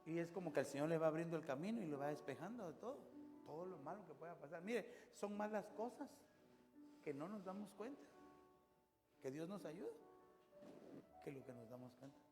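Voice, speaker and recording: Male pastor, high voice, storytelling sermon, reverberant room with music behind. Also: fairly quick, pauses often. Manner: storytelling, conversational, lively rises and drops.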